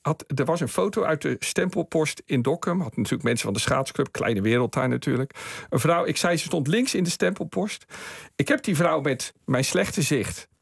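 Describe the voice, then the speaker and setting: A man's voice: fairly high pitch, creaky, slightly rough, no echo, clean studio sound. A man on a radio show, telling his own story with chuckles and acting out the voices of the people in it. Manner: lively, chuckling storyteller who acts out quoted voices. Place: radio studio.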